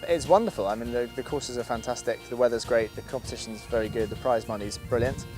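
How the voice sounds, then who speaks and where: A man's voice: mid-range voice, fast. A man from Scotland, a professional golfer, giving upbeat, enthusiastic interview answers. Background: music.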